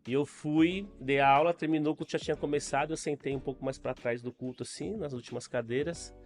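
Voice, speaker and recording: A man's voice: a little high, fairly even intonation, brisk, soft background music. A middle-aged man with a Brazilian accent, a podcast guest giving an earnest, casual testimony full of fillers. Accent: Brazilian Portuguese. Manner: earnest, storytelling with frequent fillers.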